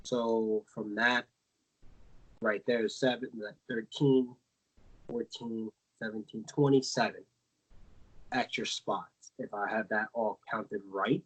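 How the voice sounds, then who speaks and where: A man's voice: on the low side, steady tone, slow pace, a bit bright, rough recording. A man from the United States co-hosting a casual podcast, explaining at length with many fillers and self-corrections. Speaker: podcast co-host.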